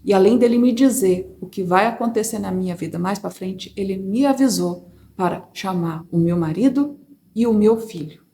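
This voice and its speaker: A woman with a Brazilian Portuguese accent, telling her personal faith testimony to viewers in an expressive, chatty way from a corner of her home. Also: medium pitch, moderate pace, a little hiss or hum. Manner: expressive storyteller, addresses viewers as brothers. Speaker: testimony speaker. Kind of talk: personal religious testimony, casual.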